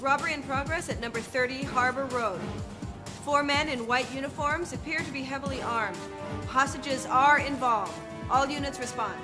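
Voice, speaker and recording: High-voiced police radio dispatcher. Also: female voice, moderate pace, over loud music. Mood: urgent. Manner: clipped, urgent, official. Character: female police dispatcher calling all units.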